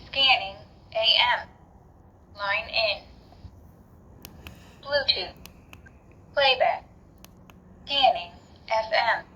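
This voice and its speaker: Device voice for a spirit box radio scanner: a synthetic woman calling out its modes, very slow, bright and thin through a dull lo-fi speaker with faint hiss. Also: fairly high pitch. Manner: clipped, slow mode announcements. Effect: spirit box radio scanner's built-in voice announcing its modes. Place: outdoors at a historic building, device held near the camera.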